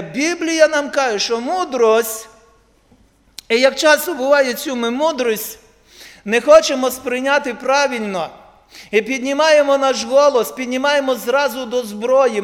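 High-voiced preacher in a reverberant hall. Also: male voice. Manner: asks the congregation rhetorical questions; tells homely stories from his own family. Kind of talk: sermon to a congregation.

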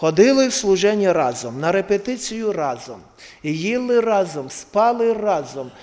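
A man preaching a sermon, calling out to his congregation with impassioned swings from hushed to loud exhortation. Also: high voice, sing-song, moderate pace. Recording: long reverb of a large hall.

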